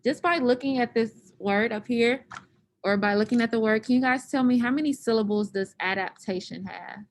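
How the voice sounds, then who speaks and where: A woman's voice: on the high side, normal speed, slight background noise. A woman teacher leading an online class, patiently explaining step by step over a computer microphone.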